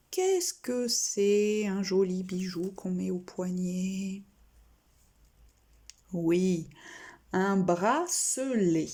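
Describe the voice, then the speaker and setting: A woman teacher gives a reading lesson at a very slow, careful pace, spelling out each letter and sound. Her pitch rises and falls a lot. Her voice is mellow and a little breathy. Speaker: primary school teacher.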